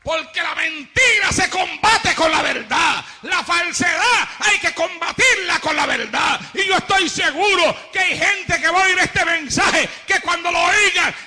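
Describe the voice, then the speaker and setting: A male pastor giving an impassioned sermon, shouting fiery lines and then dropping to low, quiet asides.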